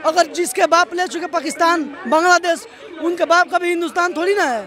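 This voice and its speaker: A man's voice: very high-pitched, fairly even intonation, fairly quick, bright, forceful tone, a faint crowd. A man speaking bluntly and agitatedly as a street interviewee in a city street.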